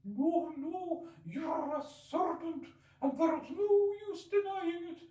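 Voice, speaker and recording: A man's voice: takes it slowly, mellow, reverberant, far from the mic. Man putting on a screeching, indignant mother pigeon. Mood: contemptuous. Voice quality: shrill, screechy. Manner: scolding, sobbing, contemptuous.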